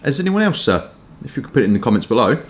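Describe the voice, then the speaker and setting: A man from Kent with a southern English accent, chatting informally and hesitantly in a rambling casual review, with stop-start pauses. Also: medium pitch, big pitch swings, a little hiss or hum. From Kent, England. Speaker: pipe tobacco reviewer.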